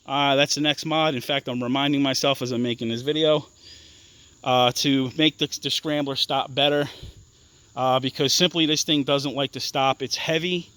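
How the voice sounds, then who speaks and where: A young man walks through the parts on his off-road bike in a loose, stop-start way, full of ums and restarts. His voice is smooth and clear, and the sound is dry, with no room echo. He talks bluntly and swears casually. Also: medium pitch, steady tone, pushed and bright. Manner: halting, many ums and restarts, blunt and profane. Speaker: ATV owner explaining his bike mods. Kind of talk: casual walkaround explanation.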